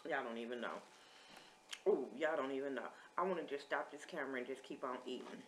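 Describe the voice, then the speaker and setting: A woman's voice: rumbling low, brisk, slight background noise. A woman vlogger, chatting casually as she lists menu items and reviews food. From American.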